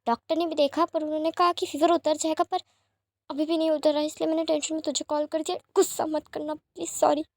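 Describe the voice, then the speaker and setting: A woman's voice: sits high, level tone, fast talker, a little mellow, no room sound, voice pushed up. Woman voicing a worried, apologetic young woman. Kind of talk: storybook read-aloud.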